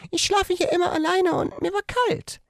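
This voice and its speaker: A man voicing a shy, gentle young woman in a strained high falsetto, speaking softly like a lover in a read-aloud story. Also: steady tone, moderate pace, gravelly, no room sound, clean studio sound, exaggerated voice. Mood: tender.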